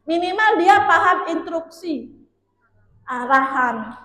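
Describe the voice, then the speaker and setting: High-voiced woman presenting in an echoey room. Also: expressive, slow pace, a bit bright. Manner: chatty, addresses listeners directly as sir and ma'am. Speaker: workshop presenter. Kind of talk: casual workshop talk to teachers.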